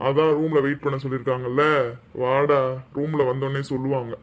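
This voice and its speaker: A man's voice: mid-range voice, level tone, brisk, close to an everyday voice. A man voicing a cheerful young adult son in a cartoon, who pleads with and coaxes his mother, with a Tamil Nadu accent. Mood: puzzled. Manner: coaxing, pleading, playful. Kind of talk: cartoon voice acting.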